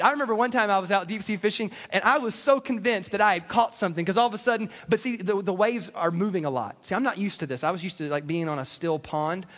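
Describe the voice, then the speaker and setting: High-voiced American preacher in a reverberant hall. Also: male voice. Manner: animated, folksy, self-deprecating, repeats phrases for emphasis. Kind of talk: conversational sermon to a congregation.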